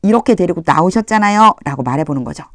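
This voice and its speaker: A woman's voice: on the low side, expressive, quick pace, fairly bright tone, dry recording. Dry-voiced woman teaching Bible English. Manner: chatty, encouraging, often opens lines with "자". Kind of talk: explaining English Bible verse by verse.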